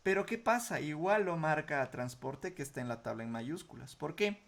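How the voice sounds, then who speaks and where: Patient man explaining software step by step. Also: a little high, expressive, normal speed, creaky. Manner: patient step-by-step explaining with frequent check-in questions; asks rhetorical questions then answers them. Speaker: computer skills instructor. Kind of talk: screen-recorded software tutorial.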